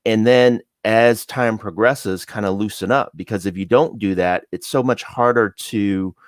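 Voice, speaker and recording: A man with a very low voice talks through his ideas in a casual interview, checking in often with his guest. The sound is close and dry, with no room echo. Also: unhurried. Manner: thinks aloud, checks in with "right?".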